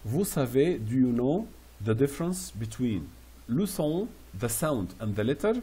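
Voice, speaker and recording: Husky dark-voiced guy teaching french phrases, says each one over and over real slow. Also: mid-range voice, very animated. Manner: explains French phrases in English, repeating each slowly. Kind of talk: classroom phrase lesson.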